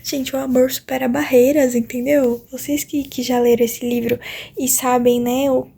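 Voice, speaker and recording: This is a young woman from Brazil, chatting casually about a book she is reading. Her voice sits high, yet its tone is dark and mellow. She talks informally with lots of slang and fillers. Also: little pitch movement, moderate pace, gravelly, husky. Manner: emotional, slangy, swings between laughing and crying. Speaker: book vlogger. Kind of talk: casual reading vlog chat.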